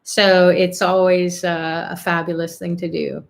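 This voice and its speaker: A middle-aged woman hosts an online chanting and prayer call, chatting casually in a spiritual group setting and reading out comments. Her voice is lowish, gravelly and fairly flat, at a measured pace. She's upbeat and warm-hearted, laughing often and using many fillers.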